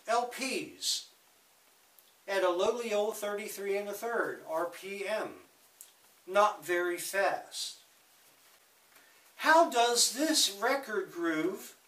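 A man chats to viewers from a room full of audio gear, rambling with joking asides. His voice sits high and sounds bright, and he talks at an unhurried pace. The mic picks him up from a distance, so the room echo comes through. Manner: chatty, joking asides, slow with sudden quick bursts. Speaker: vlogger talking about records and audio gear. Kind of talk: casual rambling talk to camera. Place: home room with audio equipment.

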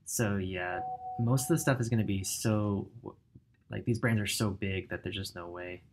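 A man's voice: fairly low pitch, moderate pace, background noise. A man in his thirties giving a casual screen-share tutorial at a home desk, thinking aloud with frequent ums as he browses. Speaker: ecommerce coach. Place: indoor home office.

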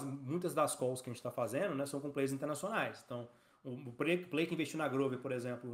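Fast-talking founder telling stories. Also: male voice, mid-range voice. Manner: fast, animated storytelling with slang. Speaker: guest, company founder. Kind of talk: casual interview chat.

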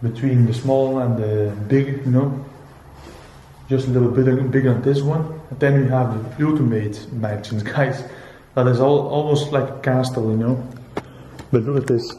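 A man's voice: medium pitch, fairly even intonation, moderate pace, warm tone, slight background noise, low-quality recording. A man in his twenties talking casually and exclaiming in slang to viewers while exploring an abandoned house at night on a handheld camera. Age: 20s. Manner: exclamatory slangy talk, often addressing viewers. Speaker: urban exploration vlogger. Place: empty rooms and basement of an abandoned house. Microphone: handheld camera at arm's length.

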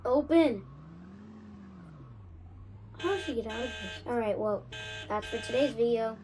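Excitable young woman gaming commentary. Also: a little high, unhurried, slight background noise, poor audio. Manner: excitable, jumps from nervous mumbling to loud surprised outbursts. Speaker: gaming channel host. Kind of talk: casual game commentary.

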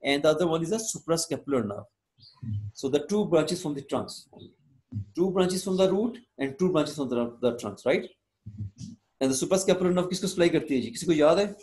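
A male lecturer with a Hindi-Urdu accent of northern South Asia speaks in a slightly high voice. He teaches live, repeating points and often adding short tags to check that students follow. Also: lively intonation, rapid-fire, darkish tone. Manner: didactic, repetitive, frequent check questions and tags. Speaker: anatomy lecturer. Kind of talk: live online lecture, switching between English and Hindi-Urdu.

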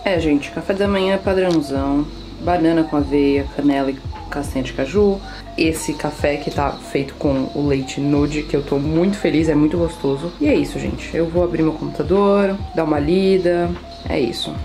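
A mid-twenties woman with a São Paulo Brazilian accent chats casually to the camera in small rooms at home for her daily vlog. Her voice is low and moderately paced, and her talk is slangy and self-deprecating, with music playing behind her.

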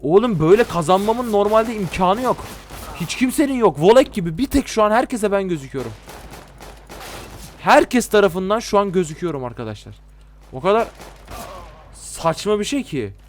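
A man's voice: sits high, sing-song, normal speed, pauses often, slight background noise. Exasperated young man with a Turkish accent. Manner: exasperated, swearing, talks to viewers. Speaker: gaming YouTuber. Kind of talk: gameplay commentary.

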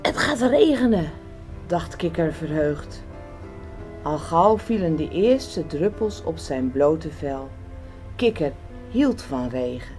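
A woman reading a children's picture book aloud, gentle and expressive. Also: low voice, slow, soft background music. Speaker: storyteller.

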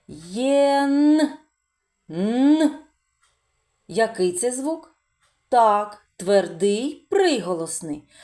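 Slow, lively-voiced woman teaching small children. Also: medium pitch. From Ukraine. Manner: slow, sing-song teacher voice, drawing out sounds and praising. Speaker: preschool teacher. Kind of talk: children's literacy lesson.

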